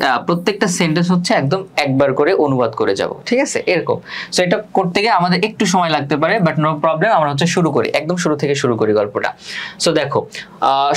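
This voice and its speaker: Bangladeshi man tutoring English. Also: on the high side. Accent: Bangladeshi Bengali. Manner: checks in often with a questioning tag, reads English words slowly. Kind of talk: online lesson explaining a passage.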